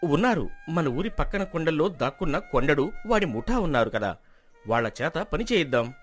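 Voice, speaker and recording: A man's voice: on the high side, sing-song, faint music behind. Man playing an earnest young villager. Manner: earnest, quick, pleading argument. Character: earnest young male villager, calm and persuasive. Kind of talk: storybook drama acting.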